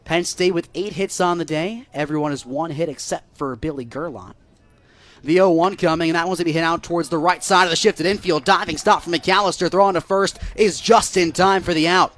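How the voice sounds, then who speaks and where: This is live radio baseball coverage from an American play-by-play broadcaster. His delivery is calm and measured between pitches, then rises with excitement on the plays.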